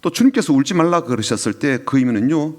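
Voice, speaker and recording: A man's voice: a little high, lively intonation, fast. A male pastor delivering an emotional sermon, telling the story with drops to a whisper and sudden rises. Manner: emotional storytelling preaching, dropping to whispers and rising in swells.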